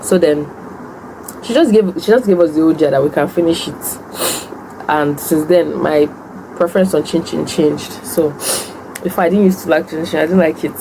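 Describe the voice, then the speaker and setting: A woman's voice: low-pitched, normal speed, noisy background. A young woman with a Nigerian accent chats casually and tells stories while eating, answering questions as a food vlogger. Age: young adult. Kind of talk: casual mukbang chat, storytelling and answering questions.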